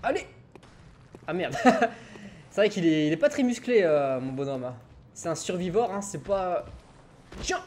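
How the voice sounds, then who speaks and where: High-voiced young man joking over gameplay. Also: lively intonation, measured pace, long pauses, darkish tone, a little hiss or hum. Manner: chatty and joking, laughs often. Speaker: let's play gamer. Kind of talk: casual gameplay commentary. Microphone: home streaming mic setup.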